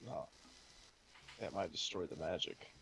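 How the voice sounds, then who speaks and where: A man playing a tabletop game, thinking out loud in a hesitant way with fillers. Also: low-pitched, a little slow, over music, low-quality recording. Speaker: player. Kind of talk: casual tabletop game chat.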